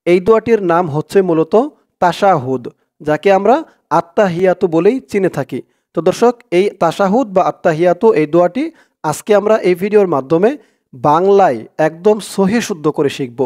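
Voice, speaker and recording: A man teaching an Arabic prayer word by word, drawing out each word slowly and explaining its pronunciation patiently to viewers. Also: high-pitched, lively intonation, darkish tone. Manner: slow, drawn-out recitation of each word, then quick explanations; addresses viewers directly, patient instructive tone. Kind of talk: recitation lesson, word-by-word pronunciation drill.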